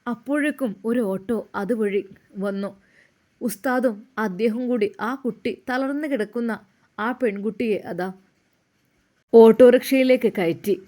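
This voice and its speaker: A woman narrates a dramatic story in a fairly high voice. She leans into key words with emotive emphasis. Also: unhurried, pauses often, warm tone.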